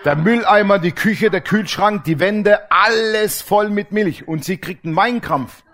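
This sermon with anecdotes comes from a middle-aged man whose voice sits high and whose pace is measured; he is lively and informal, voicing the characters in the stories he tells.

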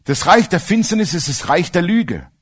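Lively, animated German-speaking male preacher. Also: high voice, moderate pace, slightly rough. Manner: emphatic, asks the congregation for agreement. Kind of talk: sermon.

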